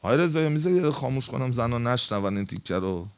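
A man preaching a sermon to a gathering, telling a story in a colloquial, impassioned way and swinging between loud, high emphasis and low asides. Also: lively intonation.

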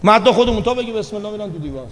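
Higher-voiced preacher in a reverberant hall. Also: male voice, expressive, slight background noise. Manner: storytelling, acting out quoted dialogue; swings between loud urging and hushed low asides. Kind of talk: sermon. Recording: long reverb of a large hall.

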